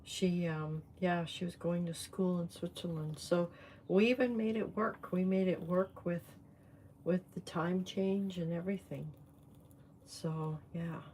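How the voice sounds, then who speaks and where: A woman speaks in an unhurried, rambling way while she shows off her garden. She is filming herself on a handheld phone outdoors, and her voice sits slightly low. A faint outdoor ambience runs underneath. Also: fairly even intonation, a little mellow, slight background noise. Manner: chatty, rambling, fond of her plants. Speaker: host. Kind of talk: casual livestream chat and garden tour. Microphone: phone held in hand.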